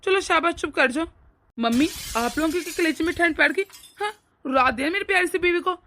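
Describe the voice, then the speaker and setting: A young husband voiced by a woman in a cartoon family drama, coaxing with his wife and firm and dismissive with his parents. The voice sits high and bright for a man. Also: brisk, slight background noise. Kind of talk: animated family drama dub.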